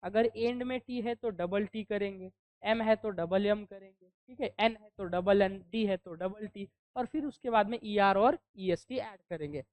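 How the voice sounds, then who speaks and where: A woman's voice: mid-range voice, moderate pace, darkish tone, no echo. A woman teacher from India giving a classroom grammar lesson. She asks questions and answers them herself, and spells words out letter by letter.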